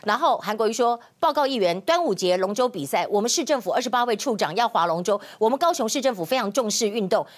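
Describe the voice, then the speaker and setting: Fast, lively Taiwanese woman commentator. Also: on the high side. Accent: Taiwanese Mandarin. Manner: indignant, fires rhetorical questions; drops in Taiwanese Hokkien words. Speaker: political commentator. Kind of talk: solo current-affairs commentary.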